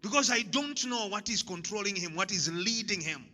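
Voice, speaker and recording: A motivational speaker from Zambia addresses an audience emphatically, repeating his key lines and often laughing at his own jokes. His voice sits high and sounds pushed and bright, expressive at a moderate pace. A long hall reverb trails his words.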